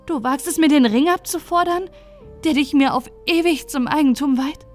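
A proud, lovelorn river nymph speaks fervently in a fairy tale audiobook, as a woman reader puts her on. Her voice sits high and rings out loudly in declamation. Faint music plays behind her. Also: normal speed, close to an everyday voice. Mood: furious.

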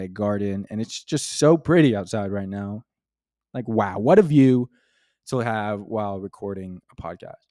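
An upbeat young man hosts a devotional podcast from a home dining room, chatting loosely and eagerly with frequent fillers. His voice sits at an ordinary middle pitch and sounds close and dry, with no room echo. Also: darkish tone. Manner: enthusiastic, rambling, many fillers like "like". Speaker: podcast host. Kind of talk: casual devotional podcast talk.

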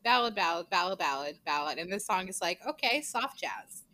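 A woman's voice: fairly low pitch, expressive, moderate pace, sharp tone. A woman co-hosting a podcast, chatting in a playful, teasing way. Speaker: podcast co-host. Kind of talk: casual chat.

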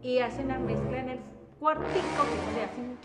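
A woman's voice: sits high, moderate pace, over loud music. A woman co-hosting a casual talk show in a salon studio, playful and chatty, slipping into quoted voices as she tells stories. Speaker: co-host. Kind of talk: casual chat. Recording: roomy echo.

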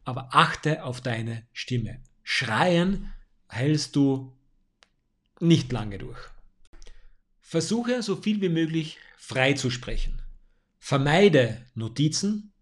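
A man, a stage presenter giving direct, steady advice in an instructional monologue. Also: a little high, slow pace. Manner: addresses the listener directly, steady advisory tone. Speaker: speaking coach and stage presenter.

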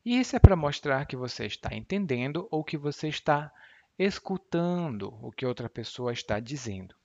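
Lively male Portuguese teacher. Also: a little high, moderate pace. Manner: lively, acts out example dialogues. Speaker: language teacher. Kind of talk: podcast lesson. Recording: slightly dull lo-fi sound.

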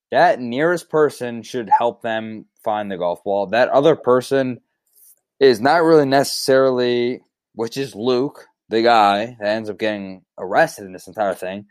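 A man's voice: mid-range voice, a little mellow, no echo. A man on a podcast telling a story in casual chat, rambling with lots of fillers and restarts and swearing freely. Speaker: podcast co-host.

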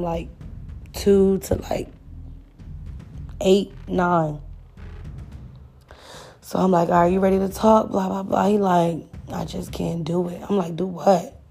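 A young adult woman casually telling a profane personal story, acting out both sides of the dialogue. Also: fairly low pitch. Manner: blunt, profane, animated retelling with quoted dialogue. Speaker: storyteller sharing a listener's story.

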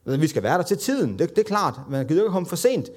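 A man's voice: a little high, very animated, darkish tone, husky. A man preaching a conversational, self-deprecating sermon and acting out the voices of the people in the story.

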